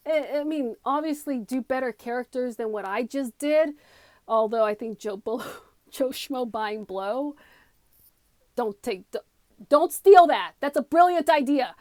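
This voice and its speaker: Speaking a little slowly in a high-pitched, slightly mellow voice, a comedy coach and video creator runs through an unscripted, casual tutorial. Her delivery is chatty, emphatic, and self-deprecating, recorded without room sound on a wired or phone headphone mic in a small, cramped room.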